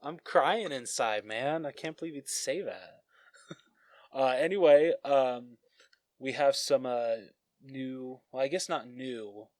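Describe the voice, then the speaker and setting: A man's voice: mid-range voice, takes it slowly, a little mellow, no room sound. A man co-hosting a casual podcast chat, rambling and self-deprecating, laughing often as he describes collectible toys. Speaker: podcast co-host.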